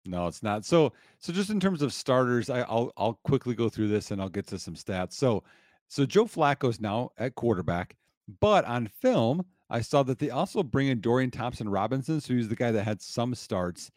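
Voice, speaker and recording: A man's voice: mid-range voice, very animated, a little mellow, no room sound. A man co-hosting a casual sports podcast, rattling off injury news until he runs short of breath. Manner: rapid-fire listing of injury news. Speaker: podcast co-host.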